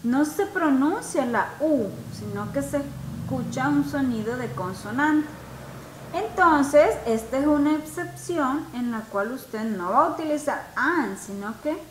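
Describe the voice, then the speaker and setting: A woman teacher with a high voice talks her class through grammar at an unhurried pace, stopping again and again to ask if they understand. She stretches out example words and repeats them slowly so her students can hear. Her voice carries a roomy echo over a faint hum. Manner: patient, checks understanding often. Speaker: English teacher.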